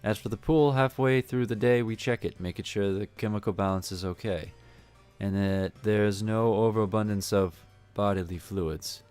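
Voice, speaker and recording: A man's voice: fairly low pitch, normal speed, darkish tone, smooth, soft background music, close to an everyday voice. A man voicing a young female resort supervisor who explains duties in a matter-of-fact way. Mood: brisk.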